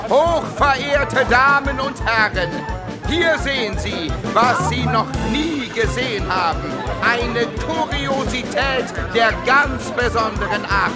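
A pompous fairground barker holds forth in a radio play. The voice is high and slow, with every word stretched out for show. Loud music and a noisy crowd fill the background. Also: female voice. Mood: grandiose. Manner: pompous, showman announcing.

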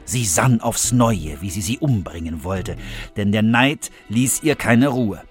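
A man reading a fairy tale aloud for children with expressive, lively storytelling. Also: fairly low pitch, measured pace, soft background music. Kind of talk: scripted storybook narration for children.

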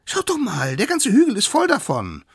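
A man voicing the smallest of a band of little cavemen, a boastful know-it-all child with a squeaky, drawn-out high voice. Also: huge pitch swings, gravelly, fairly bright tone, breathy edge, no room sound, studio quality, heavily acted. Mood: cocky. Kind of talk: storybook read-aloud.

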